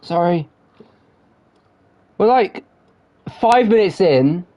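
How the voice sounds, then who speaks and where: A man's voice: sits high, lively intonation, extremely slow, warm tone. A man streaming a game live, chatting in a rambling, giggly way that keeps interrupting itself. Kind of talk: live gameplay commentary.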